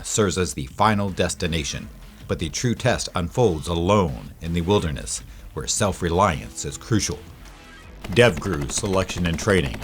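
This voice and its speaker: A man giving dramatic, measured scripted documentary narration, slowing down on key phrases. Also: low voice.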